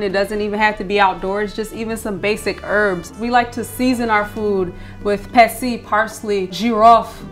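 A woman's voice: mid-range voice, fairly bright tone. A woman in her thirties from Philadelphia, a research scientist, speaking reflectively about family and food. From Philadelphia, USA. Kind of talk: documentary interview.

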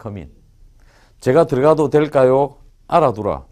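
Animated male English teacher lecturing. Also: medium pitch, a little slow. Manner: animated and joking, quizzes the class. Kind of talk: lively classroom lecture.

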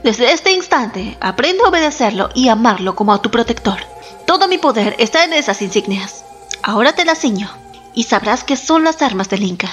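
A woman voicing a gentle male Inca counselor who speaks mildly and ceremoniously, with soft music behind. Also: on the high side, animated, normal speed. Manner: mild, ceremonious. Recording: slightly dull, soft background music.

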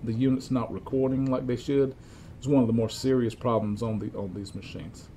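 Speaking in a mid-range voice, an older repair technician gives an informal demonstration of equipment checks. He moves through it methodically and haltingly, step by step. The setting is a cluttered indoor electronics workshop, captured clearly over steady room noise.

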